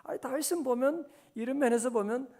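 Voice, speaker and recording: Male pastor, high-pitched voice, fervent dawn sermon, emphatic exhortations in a church. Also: a little fast, warm tone. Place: church sanctuary.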